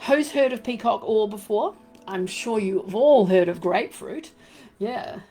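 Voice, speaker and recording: A woman with a New Zealand accent hosting a casual live stream from home, rambling warmly with many fillers and lots of "fabulous" and "beautiful". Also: medium pitch, lively intonation, measured pace, faint music behind. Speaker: crystal and essential oil live-stream host. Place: home room. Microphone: desk microphone she turns around.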